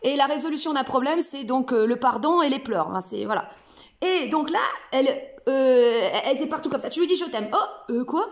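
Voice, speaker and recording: A woman's voice: sits high, expressive, fairly quick. A woman explaining ideas casually to camera at home, playful and rambling with many hesitations. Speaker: self-help video host. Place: home room.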